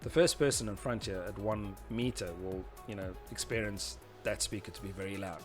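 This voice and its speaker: Over music, a man with a lowish voice moves fairly quickly through an informal technical lecture for his tutorial series. He explains slides and diagrams step by step, hesitant and chatty, repeatedly saying "you know."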